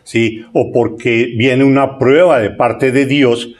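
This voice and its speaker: A man's voice: medium pitch, steady tone. A man preaching a sermon, reading scripture aloud and often checking in with "¿sí?". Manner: conversational preaching with frequent "¿sí?" checks and word repetitions; reads scripture aloud, stretching key phrases slowly.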